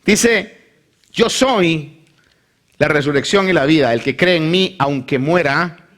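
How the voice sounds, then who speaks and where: This male pastor preaches a sermon, reading scripture aloud and animatedly acting out the voices of the people in the Bible story. His voice is fairly high-pitched and his pace is slow.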